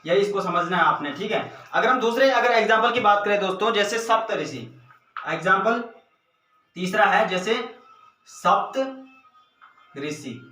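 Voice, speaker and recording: A man with a high, bright voice teaches a grammar lesson for exam candidates. He keeps asking his own questions and answering them. He sounds set back from the mic in a strongly echoing room. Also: normal speed, faint music behind. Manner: repetitive question-and-answer teaching, addresses viewers as friends. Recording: echoey room, mic at a distance.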